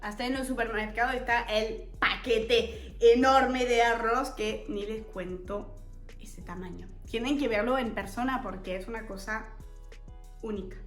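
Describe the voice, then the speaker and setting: A woman's voice: a little high, a little slow. A French woman in her twenties, a native French speaker, chatting casually to camera in a playful, giggly way as a vlogger. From France. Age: 20s. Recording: echoey room with faint music.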